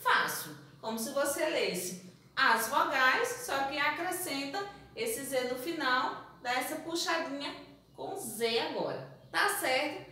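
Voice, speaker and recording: A woman's voice: high-pitched, animated, slow pace, sharp tone, recorded from a distance. A woman teacher giving a recorded phonics lesson to young children, patiently sounding out letters and syllables and calling the pupils her loves. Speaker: primary school teacher. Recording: very echoey room, voice off-mic, faint noise.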